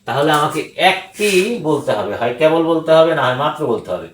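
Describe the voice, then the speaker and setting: An older man giving a grammar lesson, speaking deliberately, repeating words for emphasis and pausing with hesitations. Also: fairly high pitch, very animated, a bit bright, slight background noise. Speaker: grammar teacher. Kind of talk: grammar lecture. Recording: echoey room.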